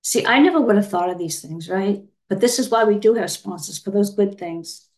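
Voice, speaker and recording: A woman's voice: mid-range voice, expressive, moderate pace, a little mellow, rough recording. A middle-aged woman giving a candid, earnest personal share at a recovery meeting, telling stories with many fillers. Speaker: twelve-step meeting speaker. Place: online video meeting.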